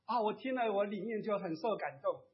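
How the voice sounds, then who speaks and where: A man preaching to his congregation, gently telling a story and acting out the remarks of the people in it. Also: high voice, lively intonation, a little fast. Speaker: pastor. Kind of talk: sermon sharing a testimony. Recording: dull lo-fi sound.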